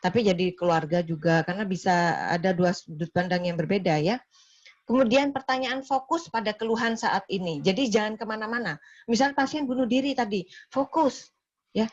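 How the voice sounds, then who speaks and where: A woman lecturing nursing students in a classroom, explaining calmly and acting out short nurse-patient dialogues. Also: mid-range voice, lo-fi sound.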